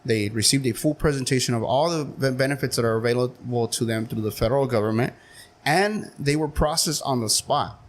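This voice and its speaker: A man's voice: mid-range voice, fairly quick, a little hiss or hum. A man in his forties speaking as a podcast guest, telling his story in a frank, candid way with plenty of fillers. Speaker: podcast guest, city council member. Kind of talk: casual interview chat.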